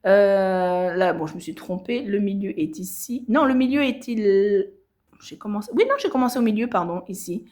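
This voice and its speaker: A woman's voice: mid-range voice, moderate pace, a little mellow. A woman chatting casually to her viewers about her stitching projects, with many hesitations and self-corrections. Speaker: cross-stitch vlogger. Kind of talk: casual show-and-tell chat.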